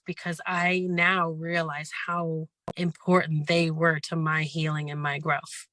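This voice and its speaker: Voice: mid-range voice, bright, forceful tone, no echo. A workshop leader and life coach who is losing their voice, talking through a gratitude lesson in a rambling, earnest, encouraging way. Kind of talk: casual spoken workshop lesson.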